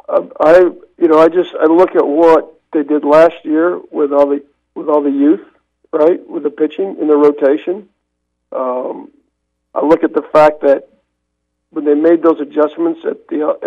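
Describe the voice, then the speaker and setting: An older man, a veteran newspaper man, chatting casually as a radio guest, rambling with many restarts. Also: on the high side. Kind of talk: casual radio call-in chat. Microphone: telephone. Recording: gravelly voice over a tinny phone line.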